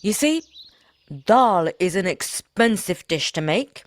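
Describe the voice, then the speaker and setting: A woman's voice: medium pitch, animated, slow pace. A woman voicing a poor, hungry woodman who talks in a sly, coaxing way. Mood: crafty. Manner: crafty, coaxing.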